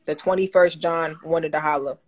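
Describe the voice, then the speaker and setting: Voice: medium pitch, steady tone, normal speed. A co-host in a casual chat, making crude, joking comparisons.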